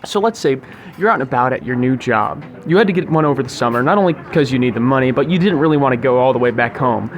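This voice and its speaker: Over soft background music and the chatter of a busy sushi restaurant, a young podcast host delivers wordy, grandiose, mock-formal scripted lines. He talks fast and expressively at a medium pitch.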